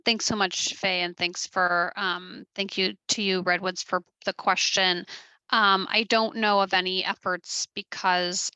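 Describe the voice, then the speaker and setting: A woman's voice: fairly low pitch, pushed and bright, clear, resonant tone, dry recording, low-quality recording. A woman working as a government staffer, giving a polite, careful, unscripted answer in an online question session.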